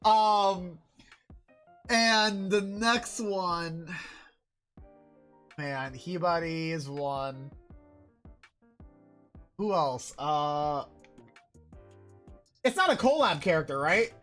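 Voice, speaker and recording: A woman streamer giving casual, excitable gameplay commentary, swearing often and shouting when surprised. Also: on the low side, very slow, long pauses, soft background music.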